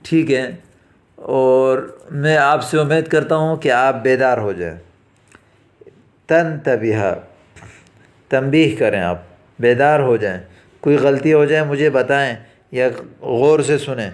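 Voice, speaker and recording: A male teacher giving a classroom lesson, reading each Arabic phrase slowly and deliberately and then explaining it quickly in Urdu. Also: medium pitch. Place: academy lesson recording.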